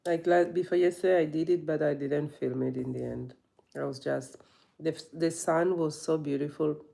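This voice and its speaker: A woman yoga teacher in a casual live vlog, talking reflectively in a thoughtful, halting way as she searches for words. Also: low-pitched, fairly even intonation, gravelly, mellow.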